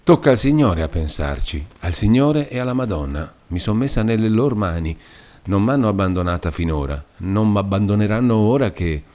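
A man's voice: low voice, darkish tone, close to an everyday voice. A man voicing an anxious, devout young village woman, speaking in a pleading, earnest way.

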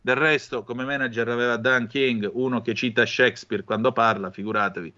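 Male radio host, casual storyteller, mid-pitched, slightly dull lo-fi sound. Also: steady tone, fairly quick, pushed and bright. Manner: rambling, storytelling.

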